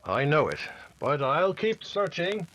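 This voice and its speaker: A man's voice: a little high, very animated, measured pace, a bit bright. A man playing an earnest, dogged and respectful Mountie sergeant in an old-time radio adventure. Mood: modest, resolute.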